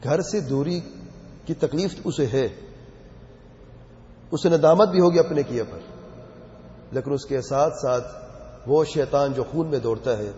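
A man's voice: fairly high pitch, long pauses, warm tone, a little hiss or hum. A man preaching a sermon, speaking emphatically and pressing his listeners with rhetorical questions. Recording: echoey hall, dull lo-fi sound.

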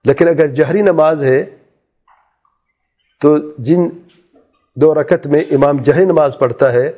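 A man teaching an Islamic jurisprudence lesson, explaining step by step and putting questions to his listeners. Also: on the high side. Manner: softly demonstrates quiet recitation. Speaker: religious teacher.

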